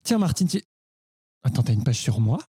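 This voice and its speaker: A woman's voice: rumbling low, sing-song, moderate pace, mellow, husky, no echo, clean studio sound, heavily acted. A woman voicing a sentimental friend in an improv scene, with a put-on Québécois accent and a hesitant, stammering way of talking. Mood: flustered.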